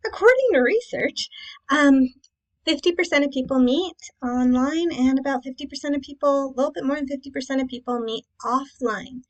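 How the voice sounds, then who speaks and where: Woman w a higher voice doing a casual coaching class, chatty, keeps checking in with little questions. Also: poor audio. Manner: chatty and informal, asks rhetorical questions and checks in with "right?". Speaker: dating coach and class host. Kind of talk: casual instructional presentation to camera.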